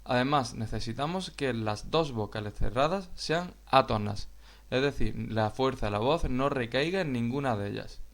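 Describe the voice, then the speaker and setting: A man with a Spain Spanish accent explains a grammar point in a video lesson. His voice has a gravelly, creaky texture at a middling pitch. He talks slowly and patiently and speaks straight to his viewers. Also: animated. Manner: slow, explanatory, addresses viewers directly. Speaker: teacher.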